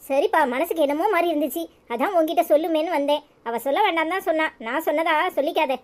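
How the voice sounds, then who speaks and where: A performer voicing a worried, discreet woman doctor in a cartoon comedy, speaking Tirunelveli Tamil in a hushed, confiding way. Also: high voice, fast talker, natural voice.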